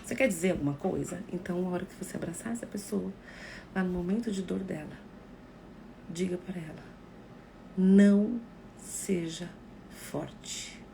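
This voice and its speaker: A woman psychologist talks straight to her live-stream viewers, acting out the remarks people make. Her voice carries a gravelly creak, and faint noise hums behind her. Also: lowish voice, quick pace. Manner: expressive, acts out quoted remarks.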